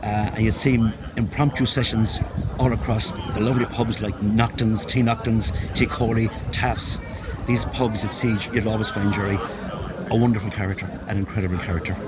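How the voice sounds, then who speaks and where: A man's voice: on the low side, level tone, normal speed, over a noisy crowd. A man with a west of Ireland accent reminiscing casually in a tribute, rambling and repeating phrases for emphasis. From Galway, west of Ireland. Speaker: interviewee, local musician.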